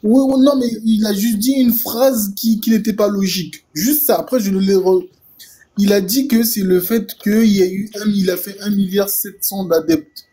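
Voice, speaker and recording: A man's voice: high-pitched, moderate pace, dark tone, breathy edge. A man joining a live-stream debate, making his point hesitantly with restarts. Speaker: debate participant.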